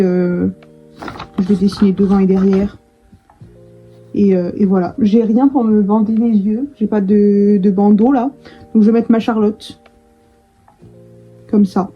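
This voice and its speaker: A woman's voice: on the high side, slightly rough, dull audio. A young woman chatting casually to camera in a vlog, full of fillers and restarts. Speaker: vlogger.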